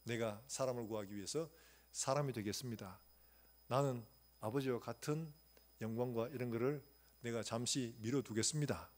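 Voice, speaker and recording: A man voicing a humble divine son who pleads softly and earnestly with his father. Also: mid-range voice, moderate pace, voice pushed down, close to an everyday voice.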